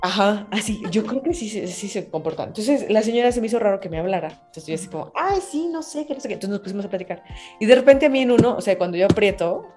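Animated mexican woman telling a story. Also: medium pitch, quick pace, soft background music. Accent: Mexican Spanish. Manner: animated anecdote-telling, mimics voices and sounds. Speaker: guest. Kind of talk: casual chat.

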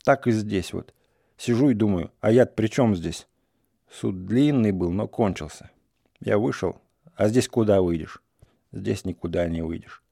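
A man's voice: on the low side, measured pace, creaky, dark tone, dry recording, clean studio sound. A man doing a bitter restless young villager. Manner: heated, sardonic, rising outbursts.

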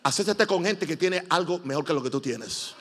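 A man from Puerto Rico with a Puerto Rican accent, preaching a sermon in a church with emphatic loud bursts and joking asides. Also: on the high side, lively intonation, moderate pace. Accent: Puerto Rican Spanish. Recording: long hall reverb, faint music.

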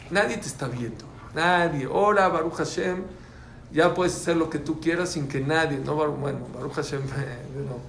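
A man teaching a religious class to students, speaking emphatically, repeating key phrases and putting questions to the class. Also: mid-range voice. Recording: echoey room with faint background noise.

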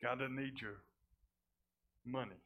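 A man preaching a sermon as pastor, folksy and plain-spoken, rising loud and high on key points and dropping low and quiet between them. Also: slow pace, narrow, tinny audio.

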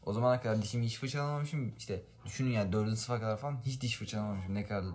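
A man's voice: fairly low pitch, rapid-fire, darkish tone. Young man telling stories, laughing. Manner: storytelling with frequent laughs and slang. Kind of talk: casual chat among friends.

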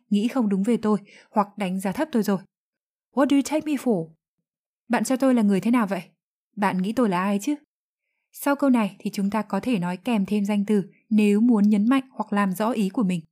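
A woman whose first language is Vietnamese, explaining English phrases in a lesson with calm, careful pronunciation. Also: mid-range voice, brisk. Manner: calm, clear, careful enunciation of English examples. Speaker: English teacher.

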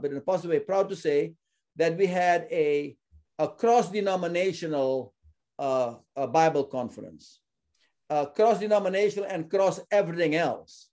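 A man's voice: on the high side, darkish tone. A man from Suriname who founded a ministry, talking earnestly as a guest and often repeating words as he searches for them. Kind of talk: casual interview talk.

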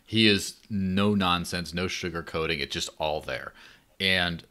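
A man chatting casually on a panel, telling an animated story and acting out the quotes. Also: sits low, measured pace.

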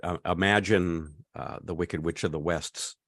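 Deep-voiced man telling a rambling story. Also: a little slow. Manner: rambling, animated storyteller with many restarts. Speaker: podcast co-host. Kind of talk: casual chat, storytelling.

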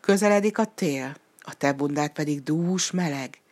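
A woman voicing a calm, knowing young boy in a storybook who earnestly warns the animals. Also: low voice. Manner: earnest, warning.

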